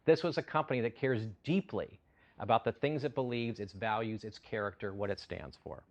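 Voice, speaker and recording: A man's voice: on the low side, fairly quick, muffled recording. A middle-aged man giving a corporate keynote with polished enthusiasm, repeating phrases for emphasis. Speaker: CEO keynote speaker.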